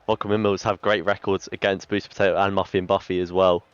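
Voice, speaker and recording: A man's voice: low voice, level tone, fast, clear, resonant tone, no echo, muffled recording. A man commentating an online esports tournament in a chatty way, with announcer-style hype lines. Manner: chatty, reads out team chats, hype lines.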